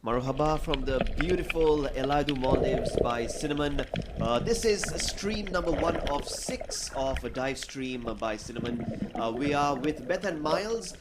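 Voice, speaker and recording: A man's voice: on the high side, animated, unhurried, very noisy. A man hosting a live stream, announcing questions and breaks, with frequent fillers. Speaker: stream host.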